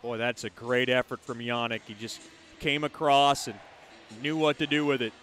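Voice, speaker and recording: A man's voice: mid-range voice, flat delivery, moderate pace, fairly bright tone, slight background noise. A man giving live hockey commentary as play-by-play announcer, describing the action in short, clipped phrases.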